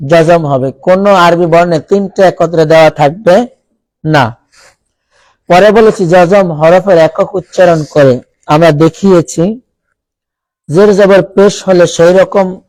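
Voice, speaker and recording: A man with a Bangladeshi accent teaches a classroom of students, explaining each point and drawing out Arabic words slowly. He often stops to ask the class questions and has them repeat after him. His voice sits a little high and sounds dry and close to the mic. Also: darkish tone, dry recording, poor audio. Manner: slow, drawn-out recitation of Arabic words as examples. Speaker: Quran recitation teacher. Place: college classroom.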